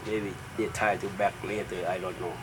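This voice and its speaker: Low-voiced Thai man, halting English, noisy recording. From Thailand. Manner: halting, simple broken English with short phrases. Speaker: interviewee. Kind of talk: informal oral history interview. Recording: noisy room with steady background hum.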